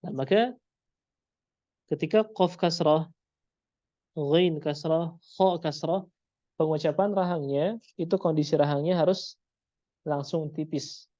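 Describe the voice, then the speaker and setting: A man teaching pronunciation, repeating each sound slowly to demonstrate it, in a muffled lo-fi recording. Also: fairly high pitch, warm tone, dry recording. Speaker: Quran recitation teacher. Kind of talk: pronunciation lesson.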